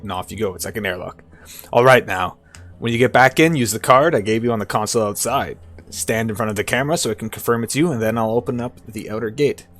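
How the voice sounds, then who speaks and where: A man voicing a brisk video game gatekeeper, matter-of-fact and instructing, with dry humour. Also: mid-range voice, natural voice. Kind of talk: video game dialogue read aloud.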